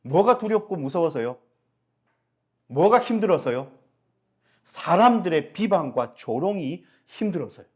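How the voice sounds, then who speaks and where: A man's voice: sits high, very animated, measured pace, pauses often, slightly rough. A middle-aged male pastor preaching a Sunday sermon, asking the congregation rhetorical questions and answering them himself.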